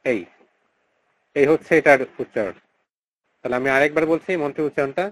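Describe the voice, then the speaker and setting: A man teaching mantra recitation in an online class, repeating syllables slowly and chanting lines in a drawn-out tone over a video call mic. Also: mid-range voice, fairly bright tone, poor audio. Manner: slow, repeats syllables to model pronunciation.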